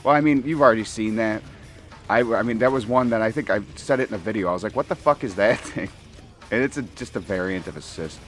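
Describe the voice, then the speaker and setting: A man's voice: fairly low pitch, quick pace. A man rambling casually and profanely while playing a shooter game, laughing often, at a home gaming setup with faint game music behind him. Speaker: gaming commentator.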